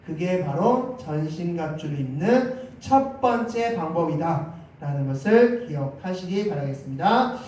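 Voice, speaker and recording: High-voiced pastor preaching in an echoey church. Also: male voice, animated, a little slow, a little mellow. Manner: emphatic preaching, voice rising for quoted scripture. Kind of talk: sermon. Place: church sanctuary. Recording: very echoey church hall, mic at a distance.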